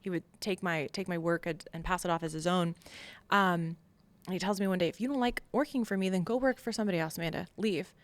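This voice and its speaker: Speaking fast in a lowish voice on a dry recording, a military veteran from Long Island, New York, tells her story frankly and forcefully as a podcast guest. She performs the remembered remarks of others as she goes.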